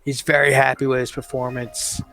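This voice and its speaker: A man hosting a podcast, calling toy figure wrestling matches play-by-play with drawn-out match calls. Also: mid-range voice, completely flat delivery, gravelly, sharp tone, slight background noise. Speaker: podcast host and commentator.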